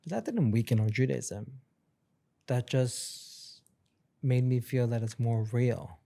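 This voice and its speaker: A man from Sweden, a podcast guest, telling childhood stories in a casual, animated way with frequent laughs. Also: mid-range voice, slow, creaky. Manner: animated storytelling, laughs often. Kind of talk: casual interview chat.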